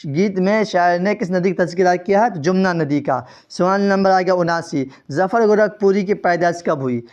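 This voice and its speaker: A man's voice: sits high, a little mellow, lo-fi sound. A man teaching an exam-prep quiz lesson. He reads out the answer options and repeats each question to his students.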